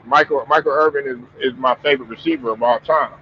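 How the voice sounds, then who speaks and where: With a mid-range voice and a quick pace, a man hosts a laid-back sports talk stream. His nose sounds blocked, and he wanders, frequently starting over and repeating himself. Expect muffled, lo-fi stream audio with a trace of noise.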